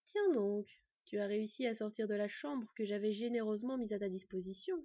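A woman voicing a sly male master thief who speaks in a smooth, honeyed, falsely gentle and mocking way, in a dull, dry recording. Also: fairly high pitch, big pitch swings, a little fast, no room sound. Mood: silky mocking. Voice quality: smooth, silky, purring.

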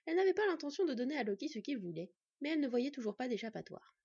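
A woman reading a fantasy novel aloud in an expressive storytelling way, in a dull, dry recording. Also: high voice, rapid-fire, slightly rough, dry recording. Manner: expressive storytelling, acting out the characters. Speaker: audiobook narrator.

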